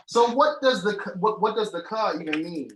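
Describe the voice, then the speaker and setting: A man hosting a casual live-stream chat show, loud and joking. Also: high voice, lively intonation, brisk. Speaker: host. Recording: echoey room, faint noise.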